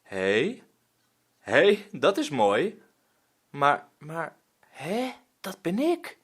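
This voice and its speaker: A man's voice: a little high, wildly swooping pitch, extremely slow, husky, voice pushed up, heavily acted. A man voicing a grumbling old male ex-pirate who barks orders. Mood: musing.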